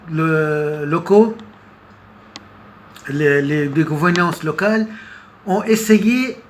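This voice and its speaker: His voice sits high with a fairly bright tone as he works through an unscripted political commentary monologue. He is very slow and halting, pausing long and repeating words, over noticeable background noise.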